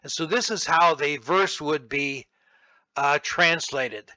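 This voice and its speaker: Male Bible teacher, bright and slightly high, slow and deliberate, dry close-mic voice-over. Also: dry recording, rough recording. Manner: deliberate, with frequent restarts and fillers. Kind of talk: explaining a sentence diagram over slides.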